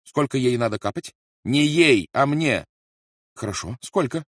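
A man's voice: medium pitch, lively intonation, brisk, dry recording, studio quality, voice pushed up, lightly acted. A man voicing a nervous, cautious woman assistant who speaks placatingly. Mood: uneasy.

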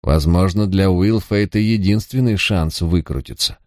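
A careful village priest with a low voice, as a male reader puts him on, talking in a measured, persuasive way in an audiobook. The voice is close and dry. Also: darkish tone, no room sound, natural voice. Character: cautious male village priest, middle-aged.

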